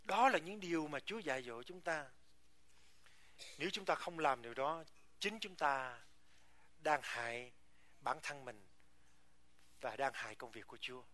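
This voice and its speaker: A man's voice: medium pitch, animated, moderate pace, long pauses, pushed and bright. A man preaching a sermon to his congregation, emphatic and full of rhetorical questions. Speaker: pastor.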